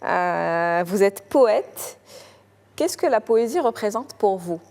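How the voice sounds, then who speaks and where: A woman hosts a television culture show from a studio, formal and courteous. Her voice is mellow and mid-pitched, and her questions slip into brief hesitations. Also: animated, takes it slowly. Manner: formal, polished introductions with some hesitant fillers. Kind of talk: TV interview.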